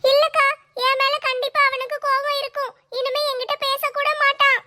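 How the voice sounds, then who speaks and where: A woman's voice: extremely high pitch, level tone, brisk, sharp tone. A woman voicing a shy, tearful young woman who speaks in a hesitant, pleading way. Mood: anxious.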